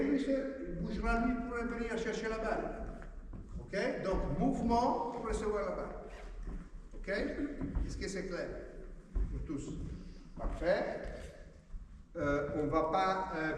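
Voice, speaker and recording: A middle-aged man, coaching a basketball clinic, explaining drills and calling them out loudly. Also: sits high, slow pace, long pauses. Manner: demonstrative, calls out drills loudly. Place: large indoor gym. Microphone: camera far from the speaker. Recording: echoey gym from far off, noisy. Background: ball bounces and court noise.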